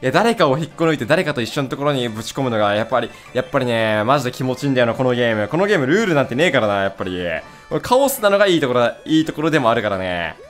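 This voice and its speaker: A young man giving casual, excitable let's-play commentary, blurting quick reactions and rough, playful jabs. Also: medium pitch, soft background music. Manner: rough casual talk, playful mock scolding. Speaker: gaming video host.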